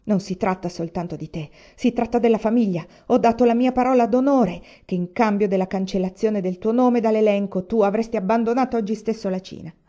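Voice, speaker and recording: A woman's voice: medium pitch, fairly quick, few pauses, warm tone, lightly acted. Lady reading a stern banker dad, curt and clipped, dull lo-fi sound. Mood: commanding. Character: stern wealthy middle-aged male banker father.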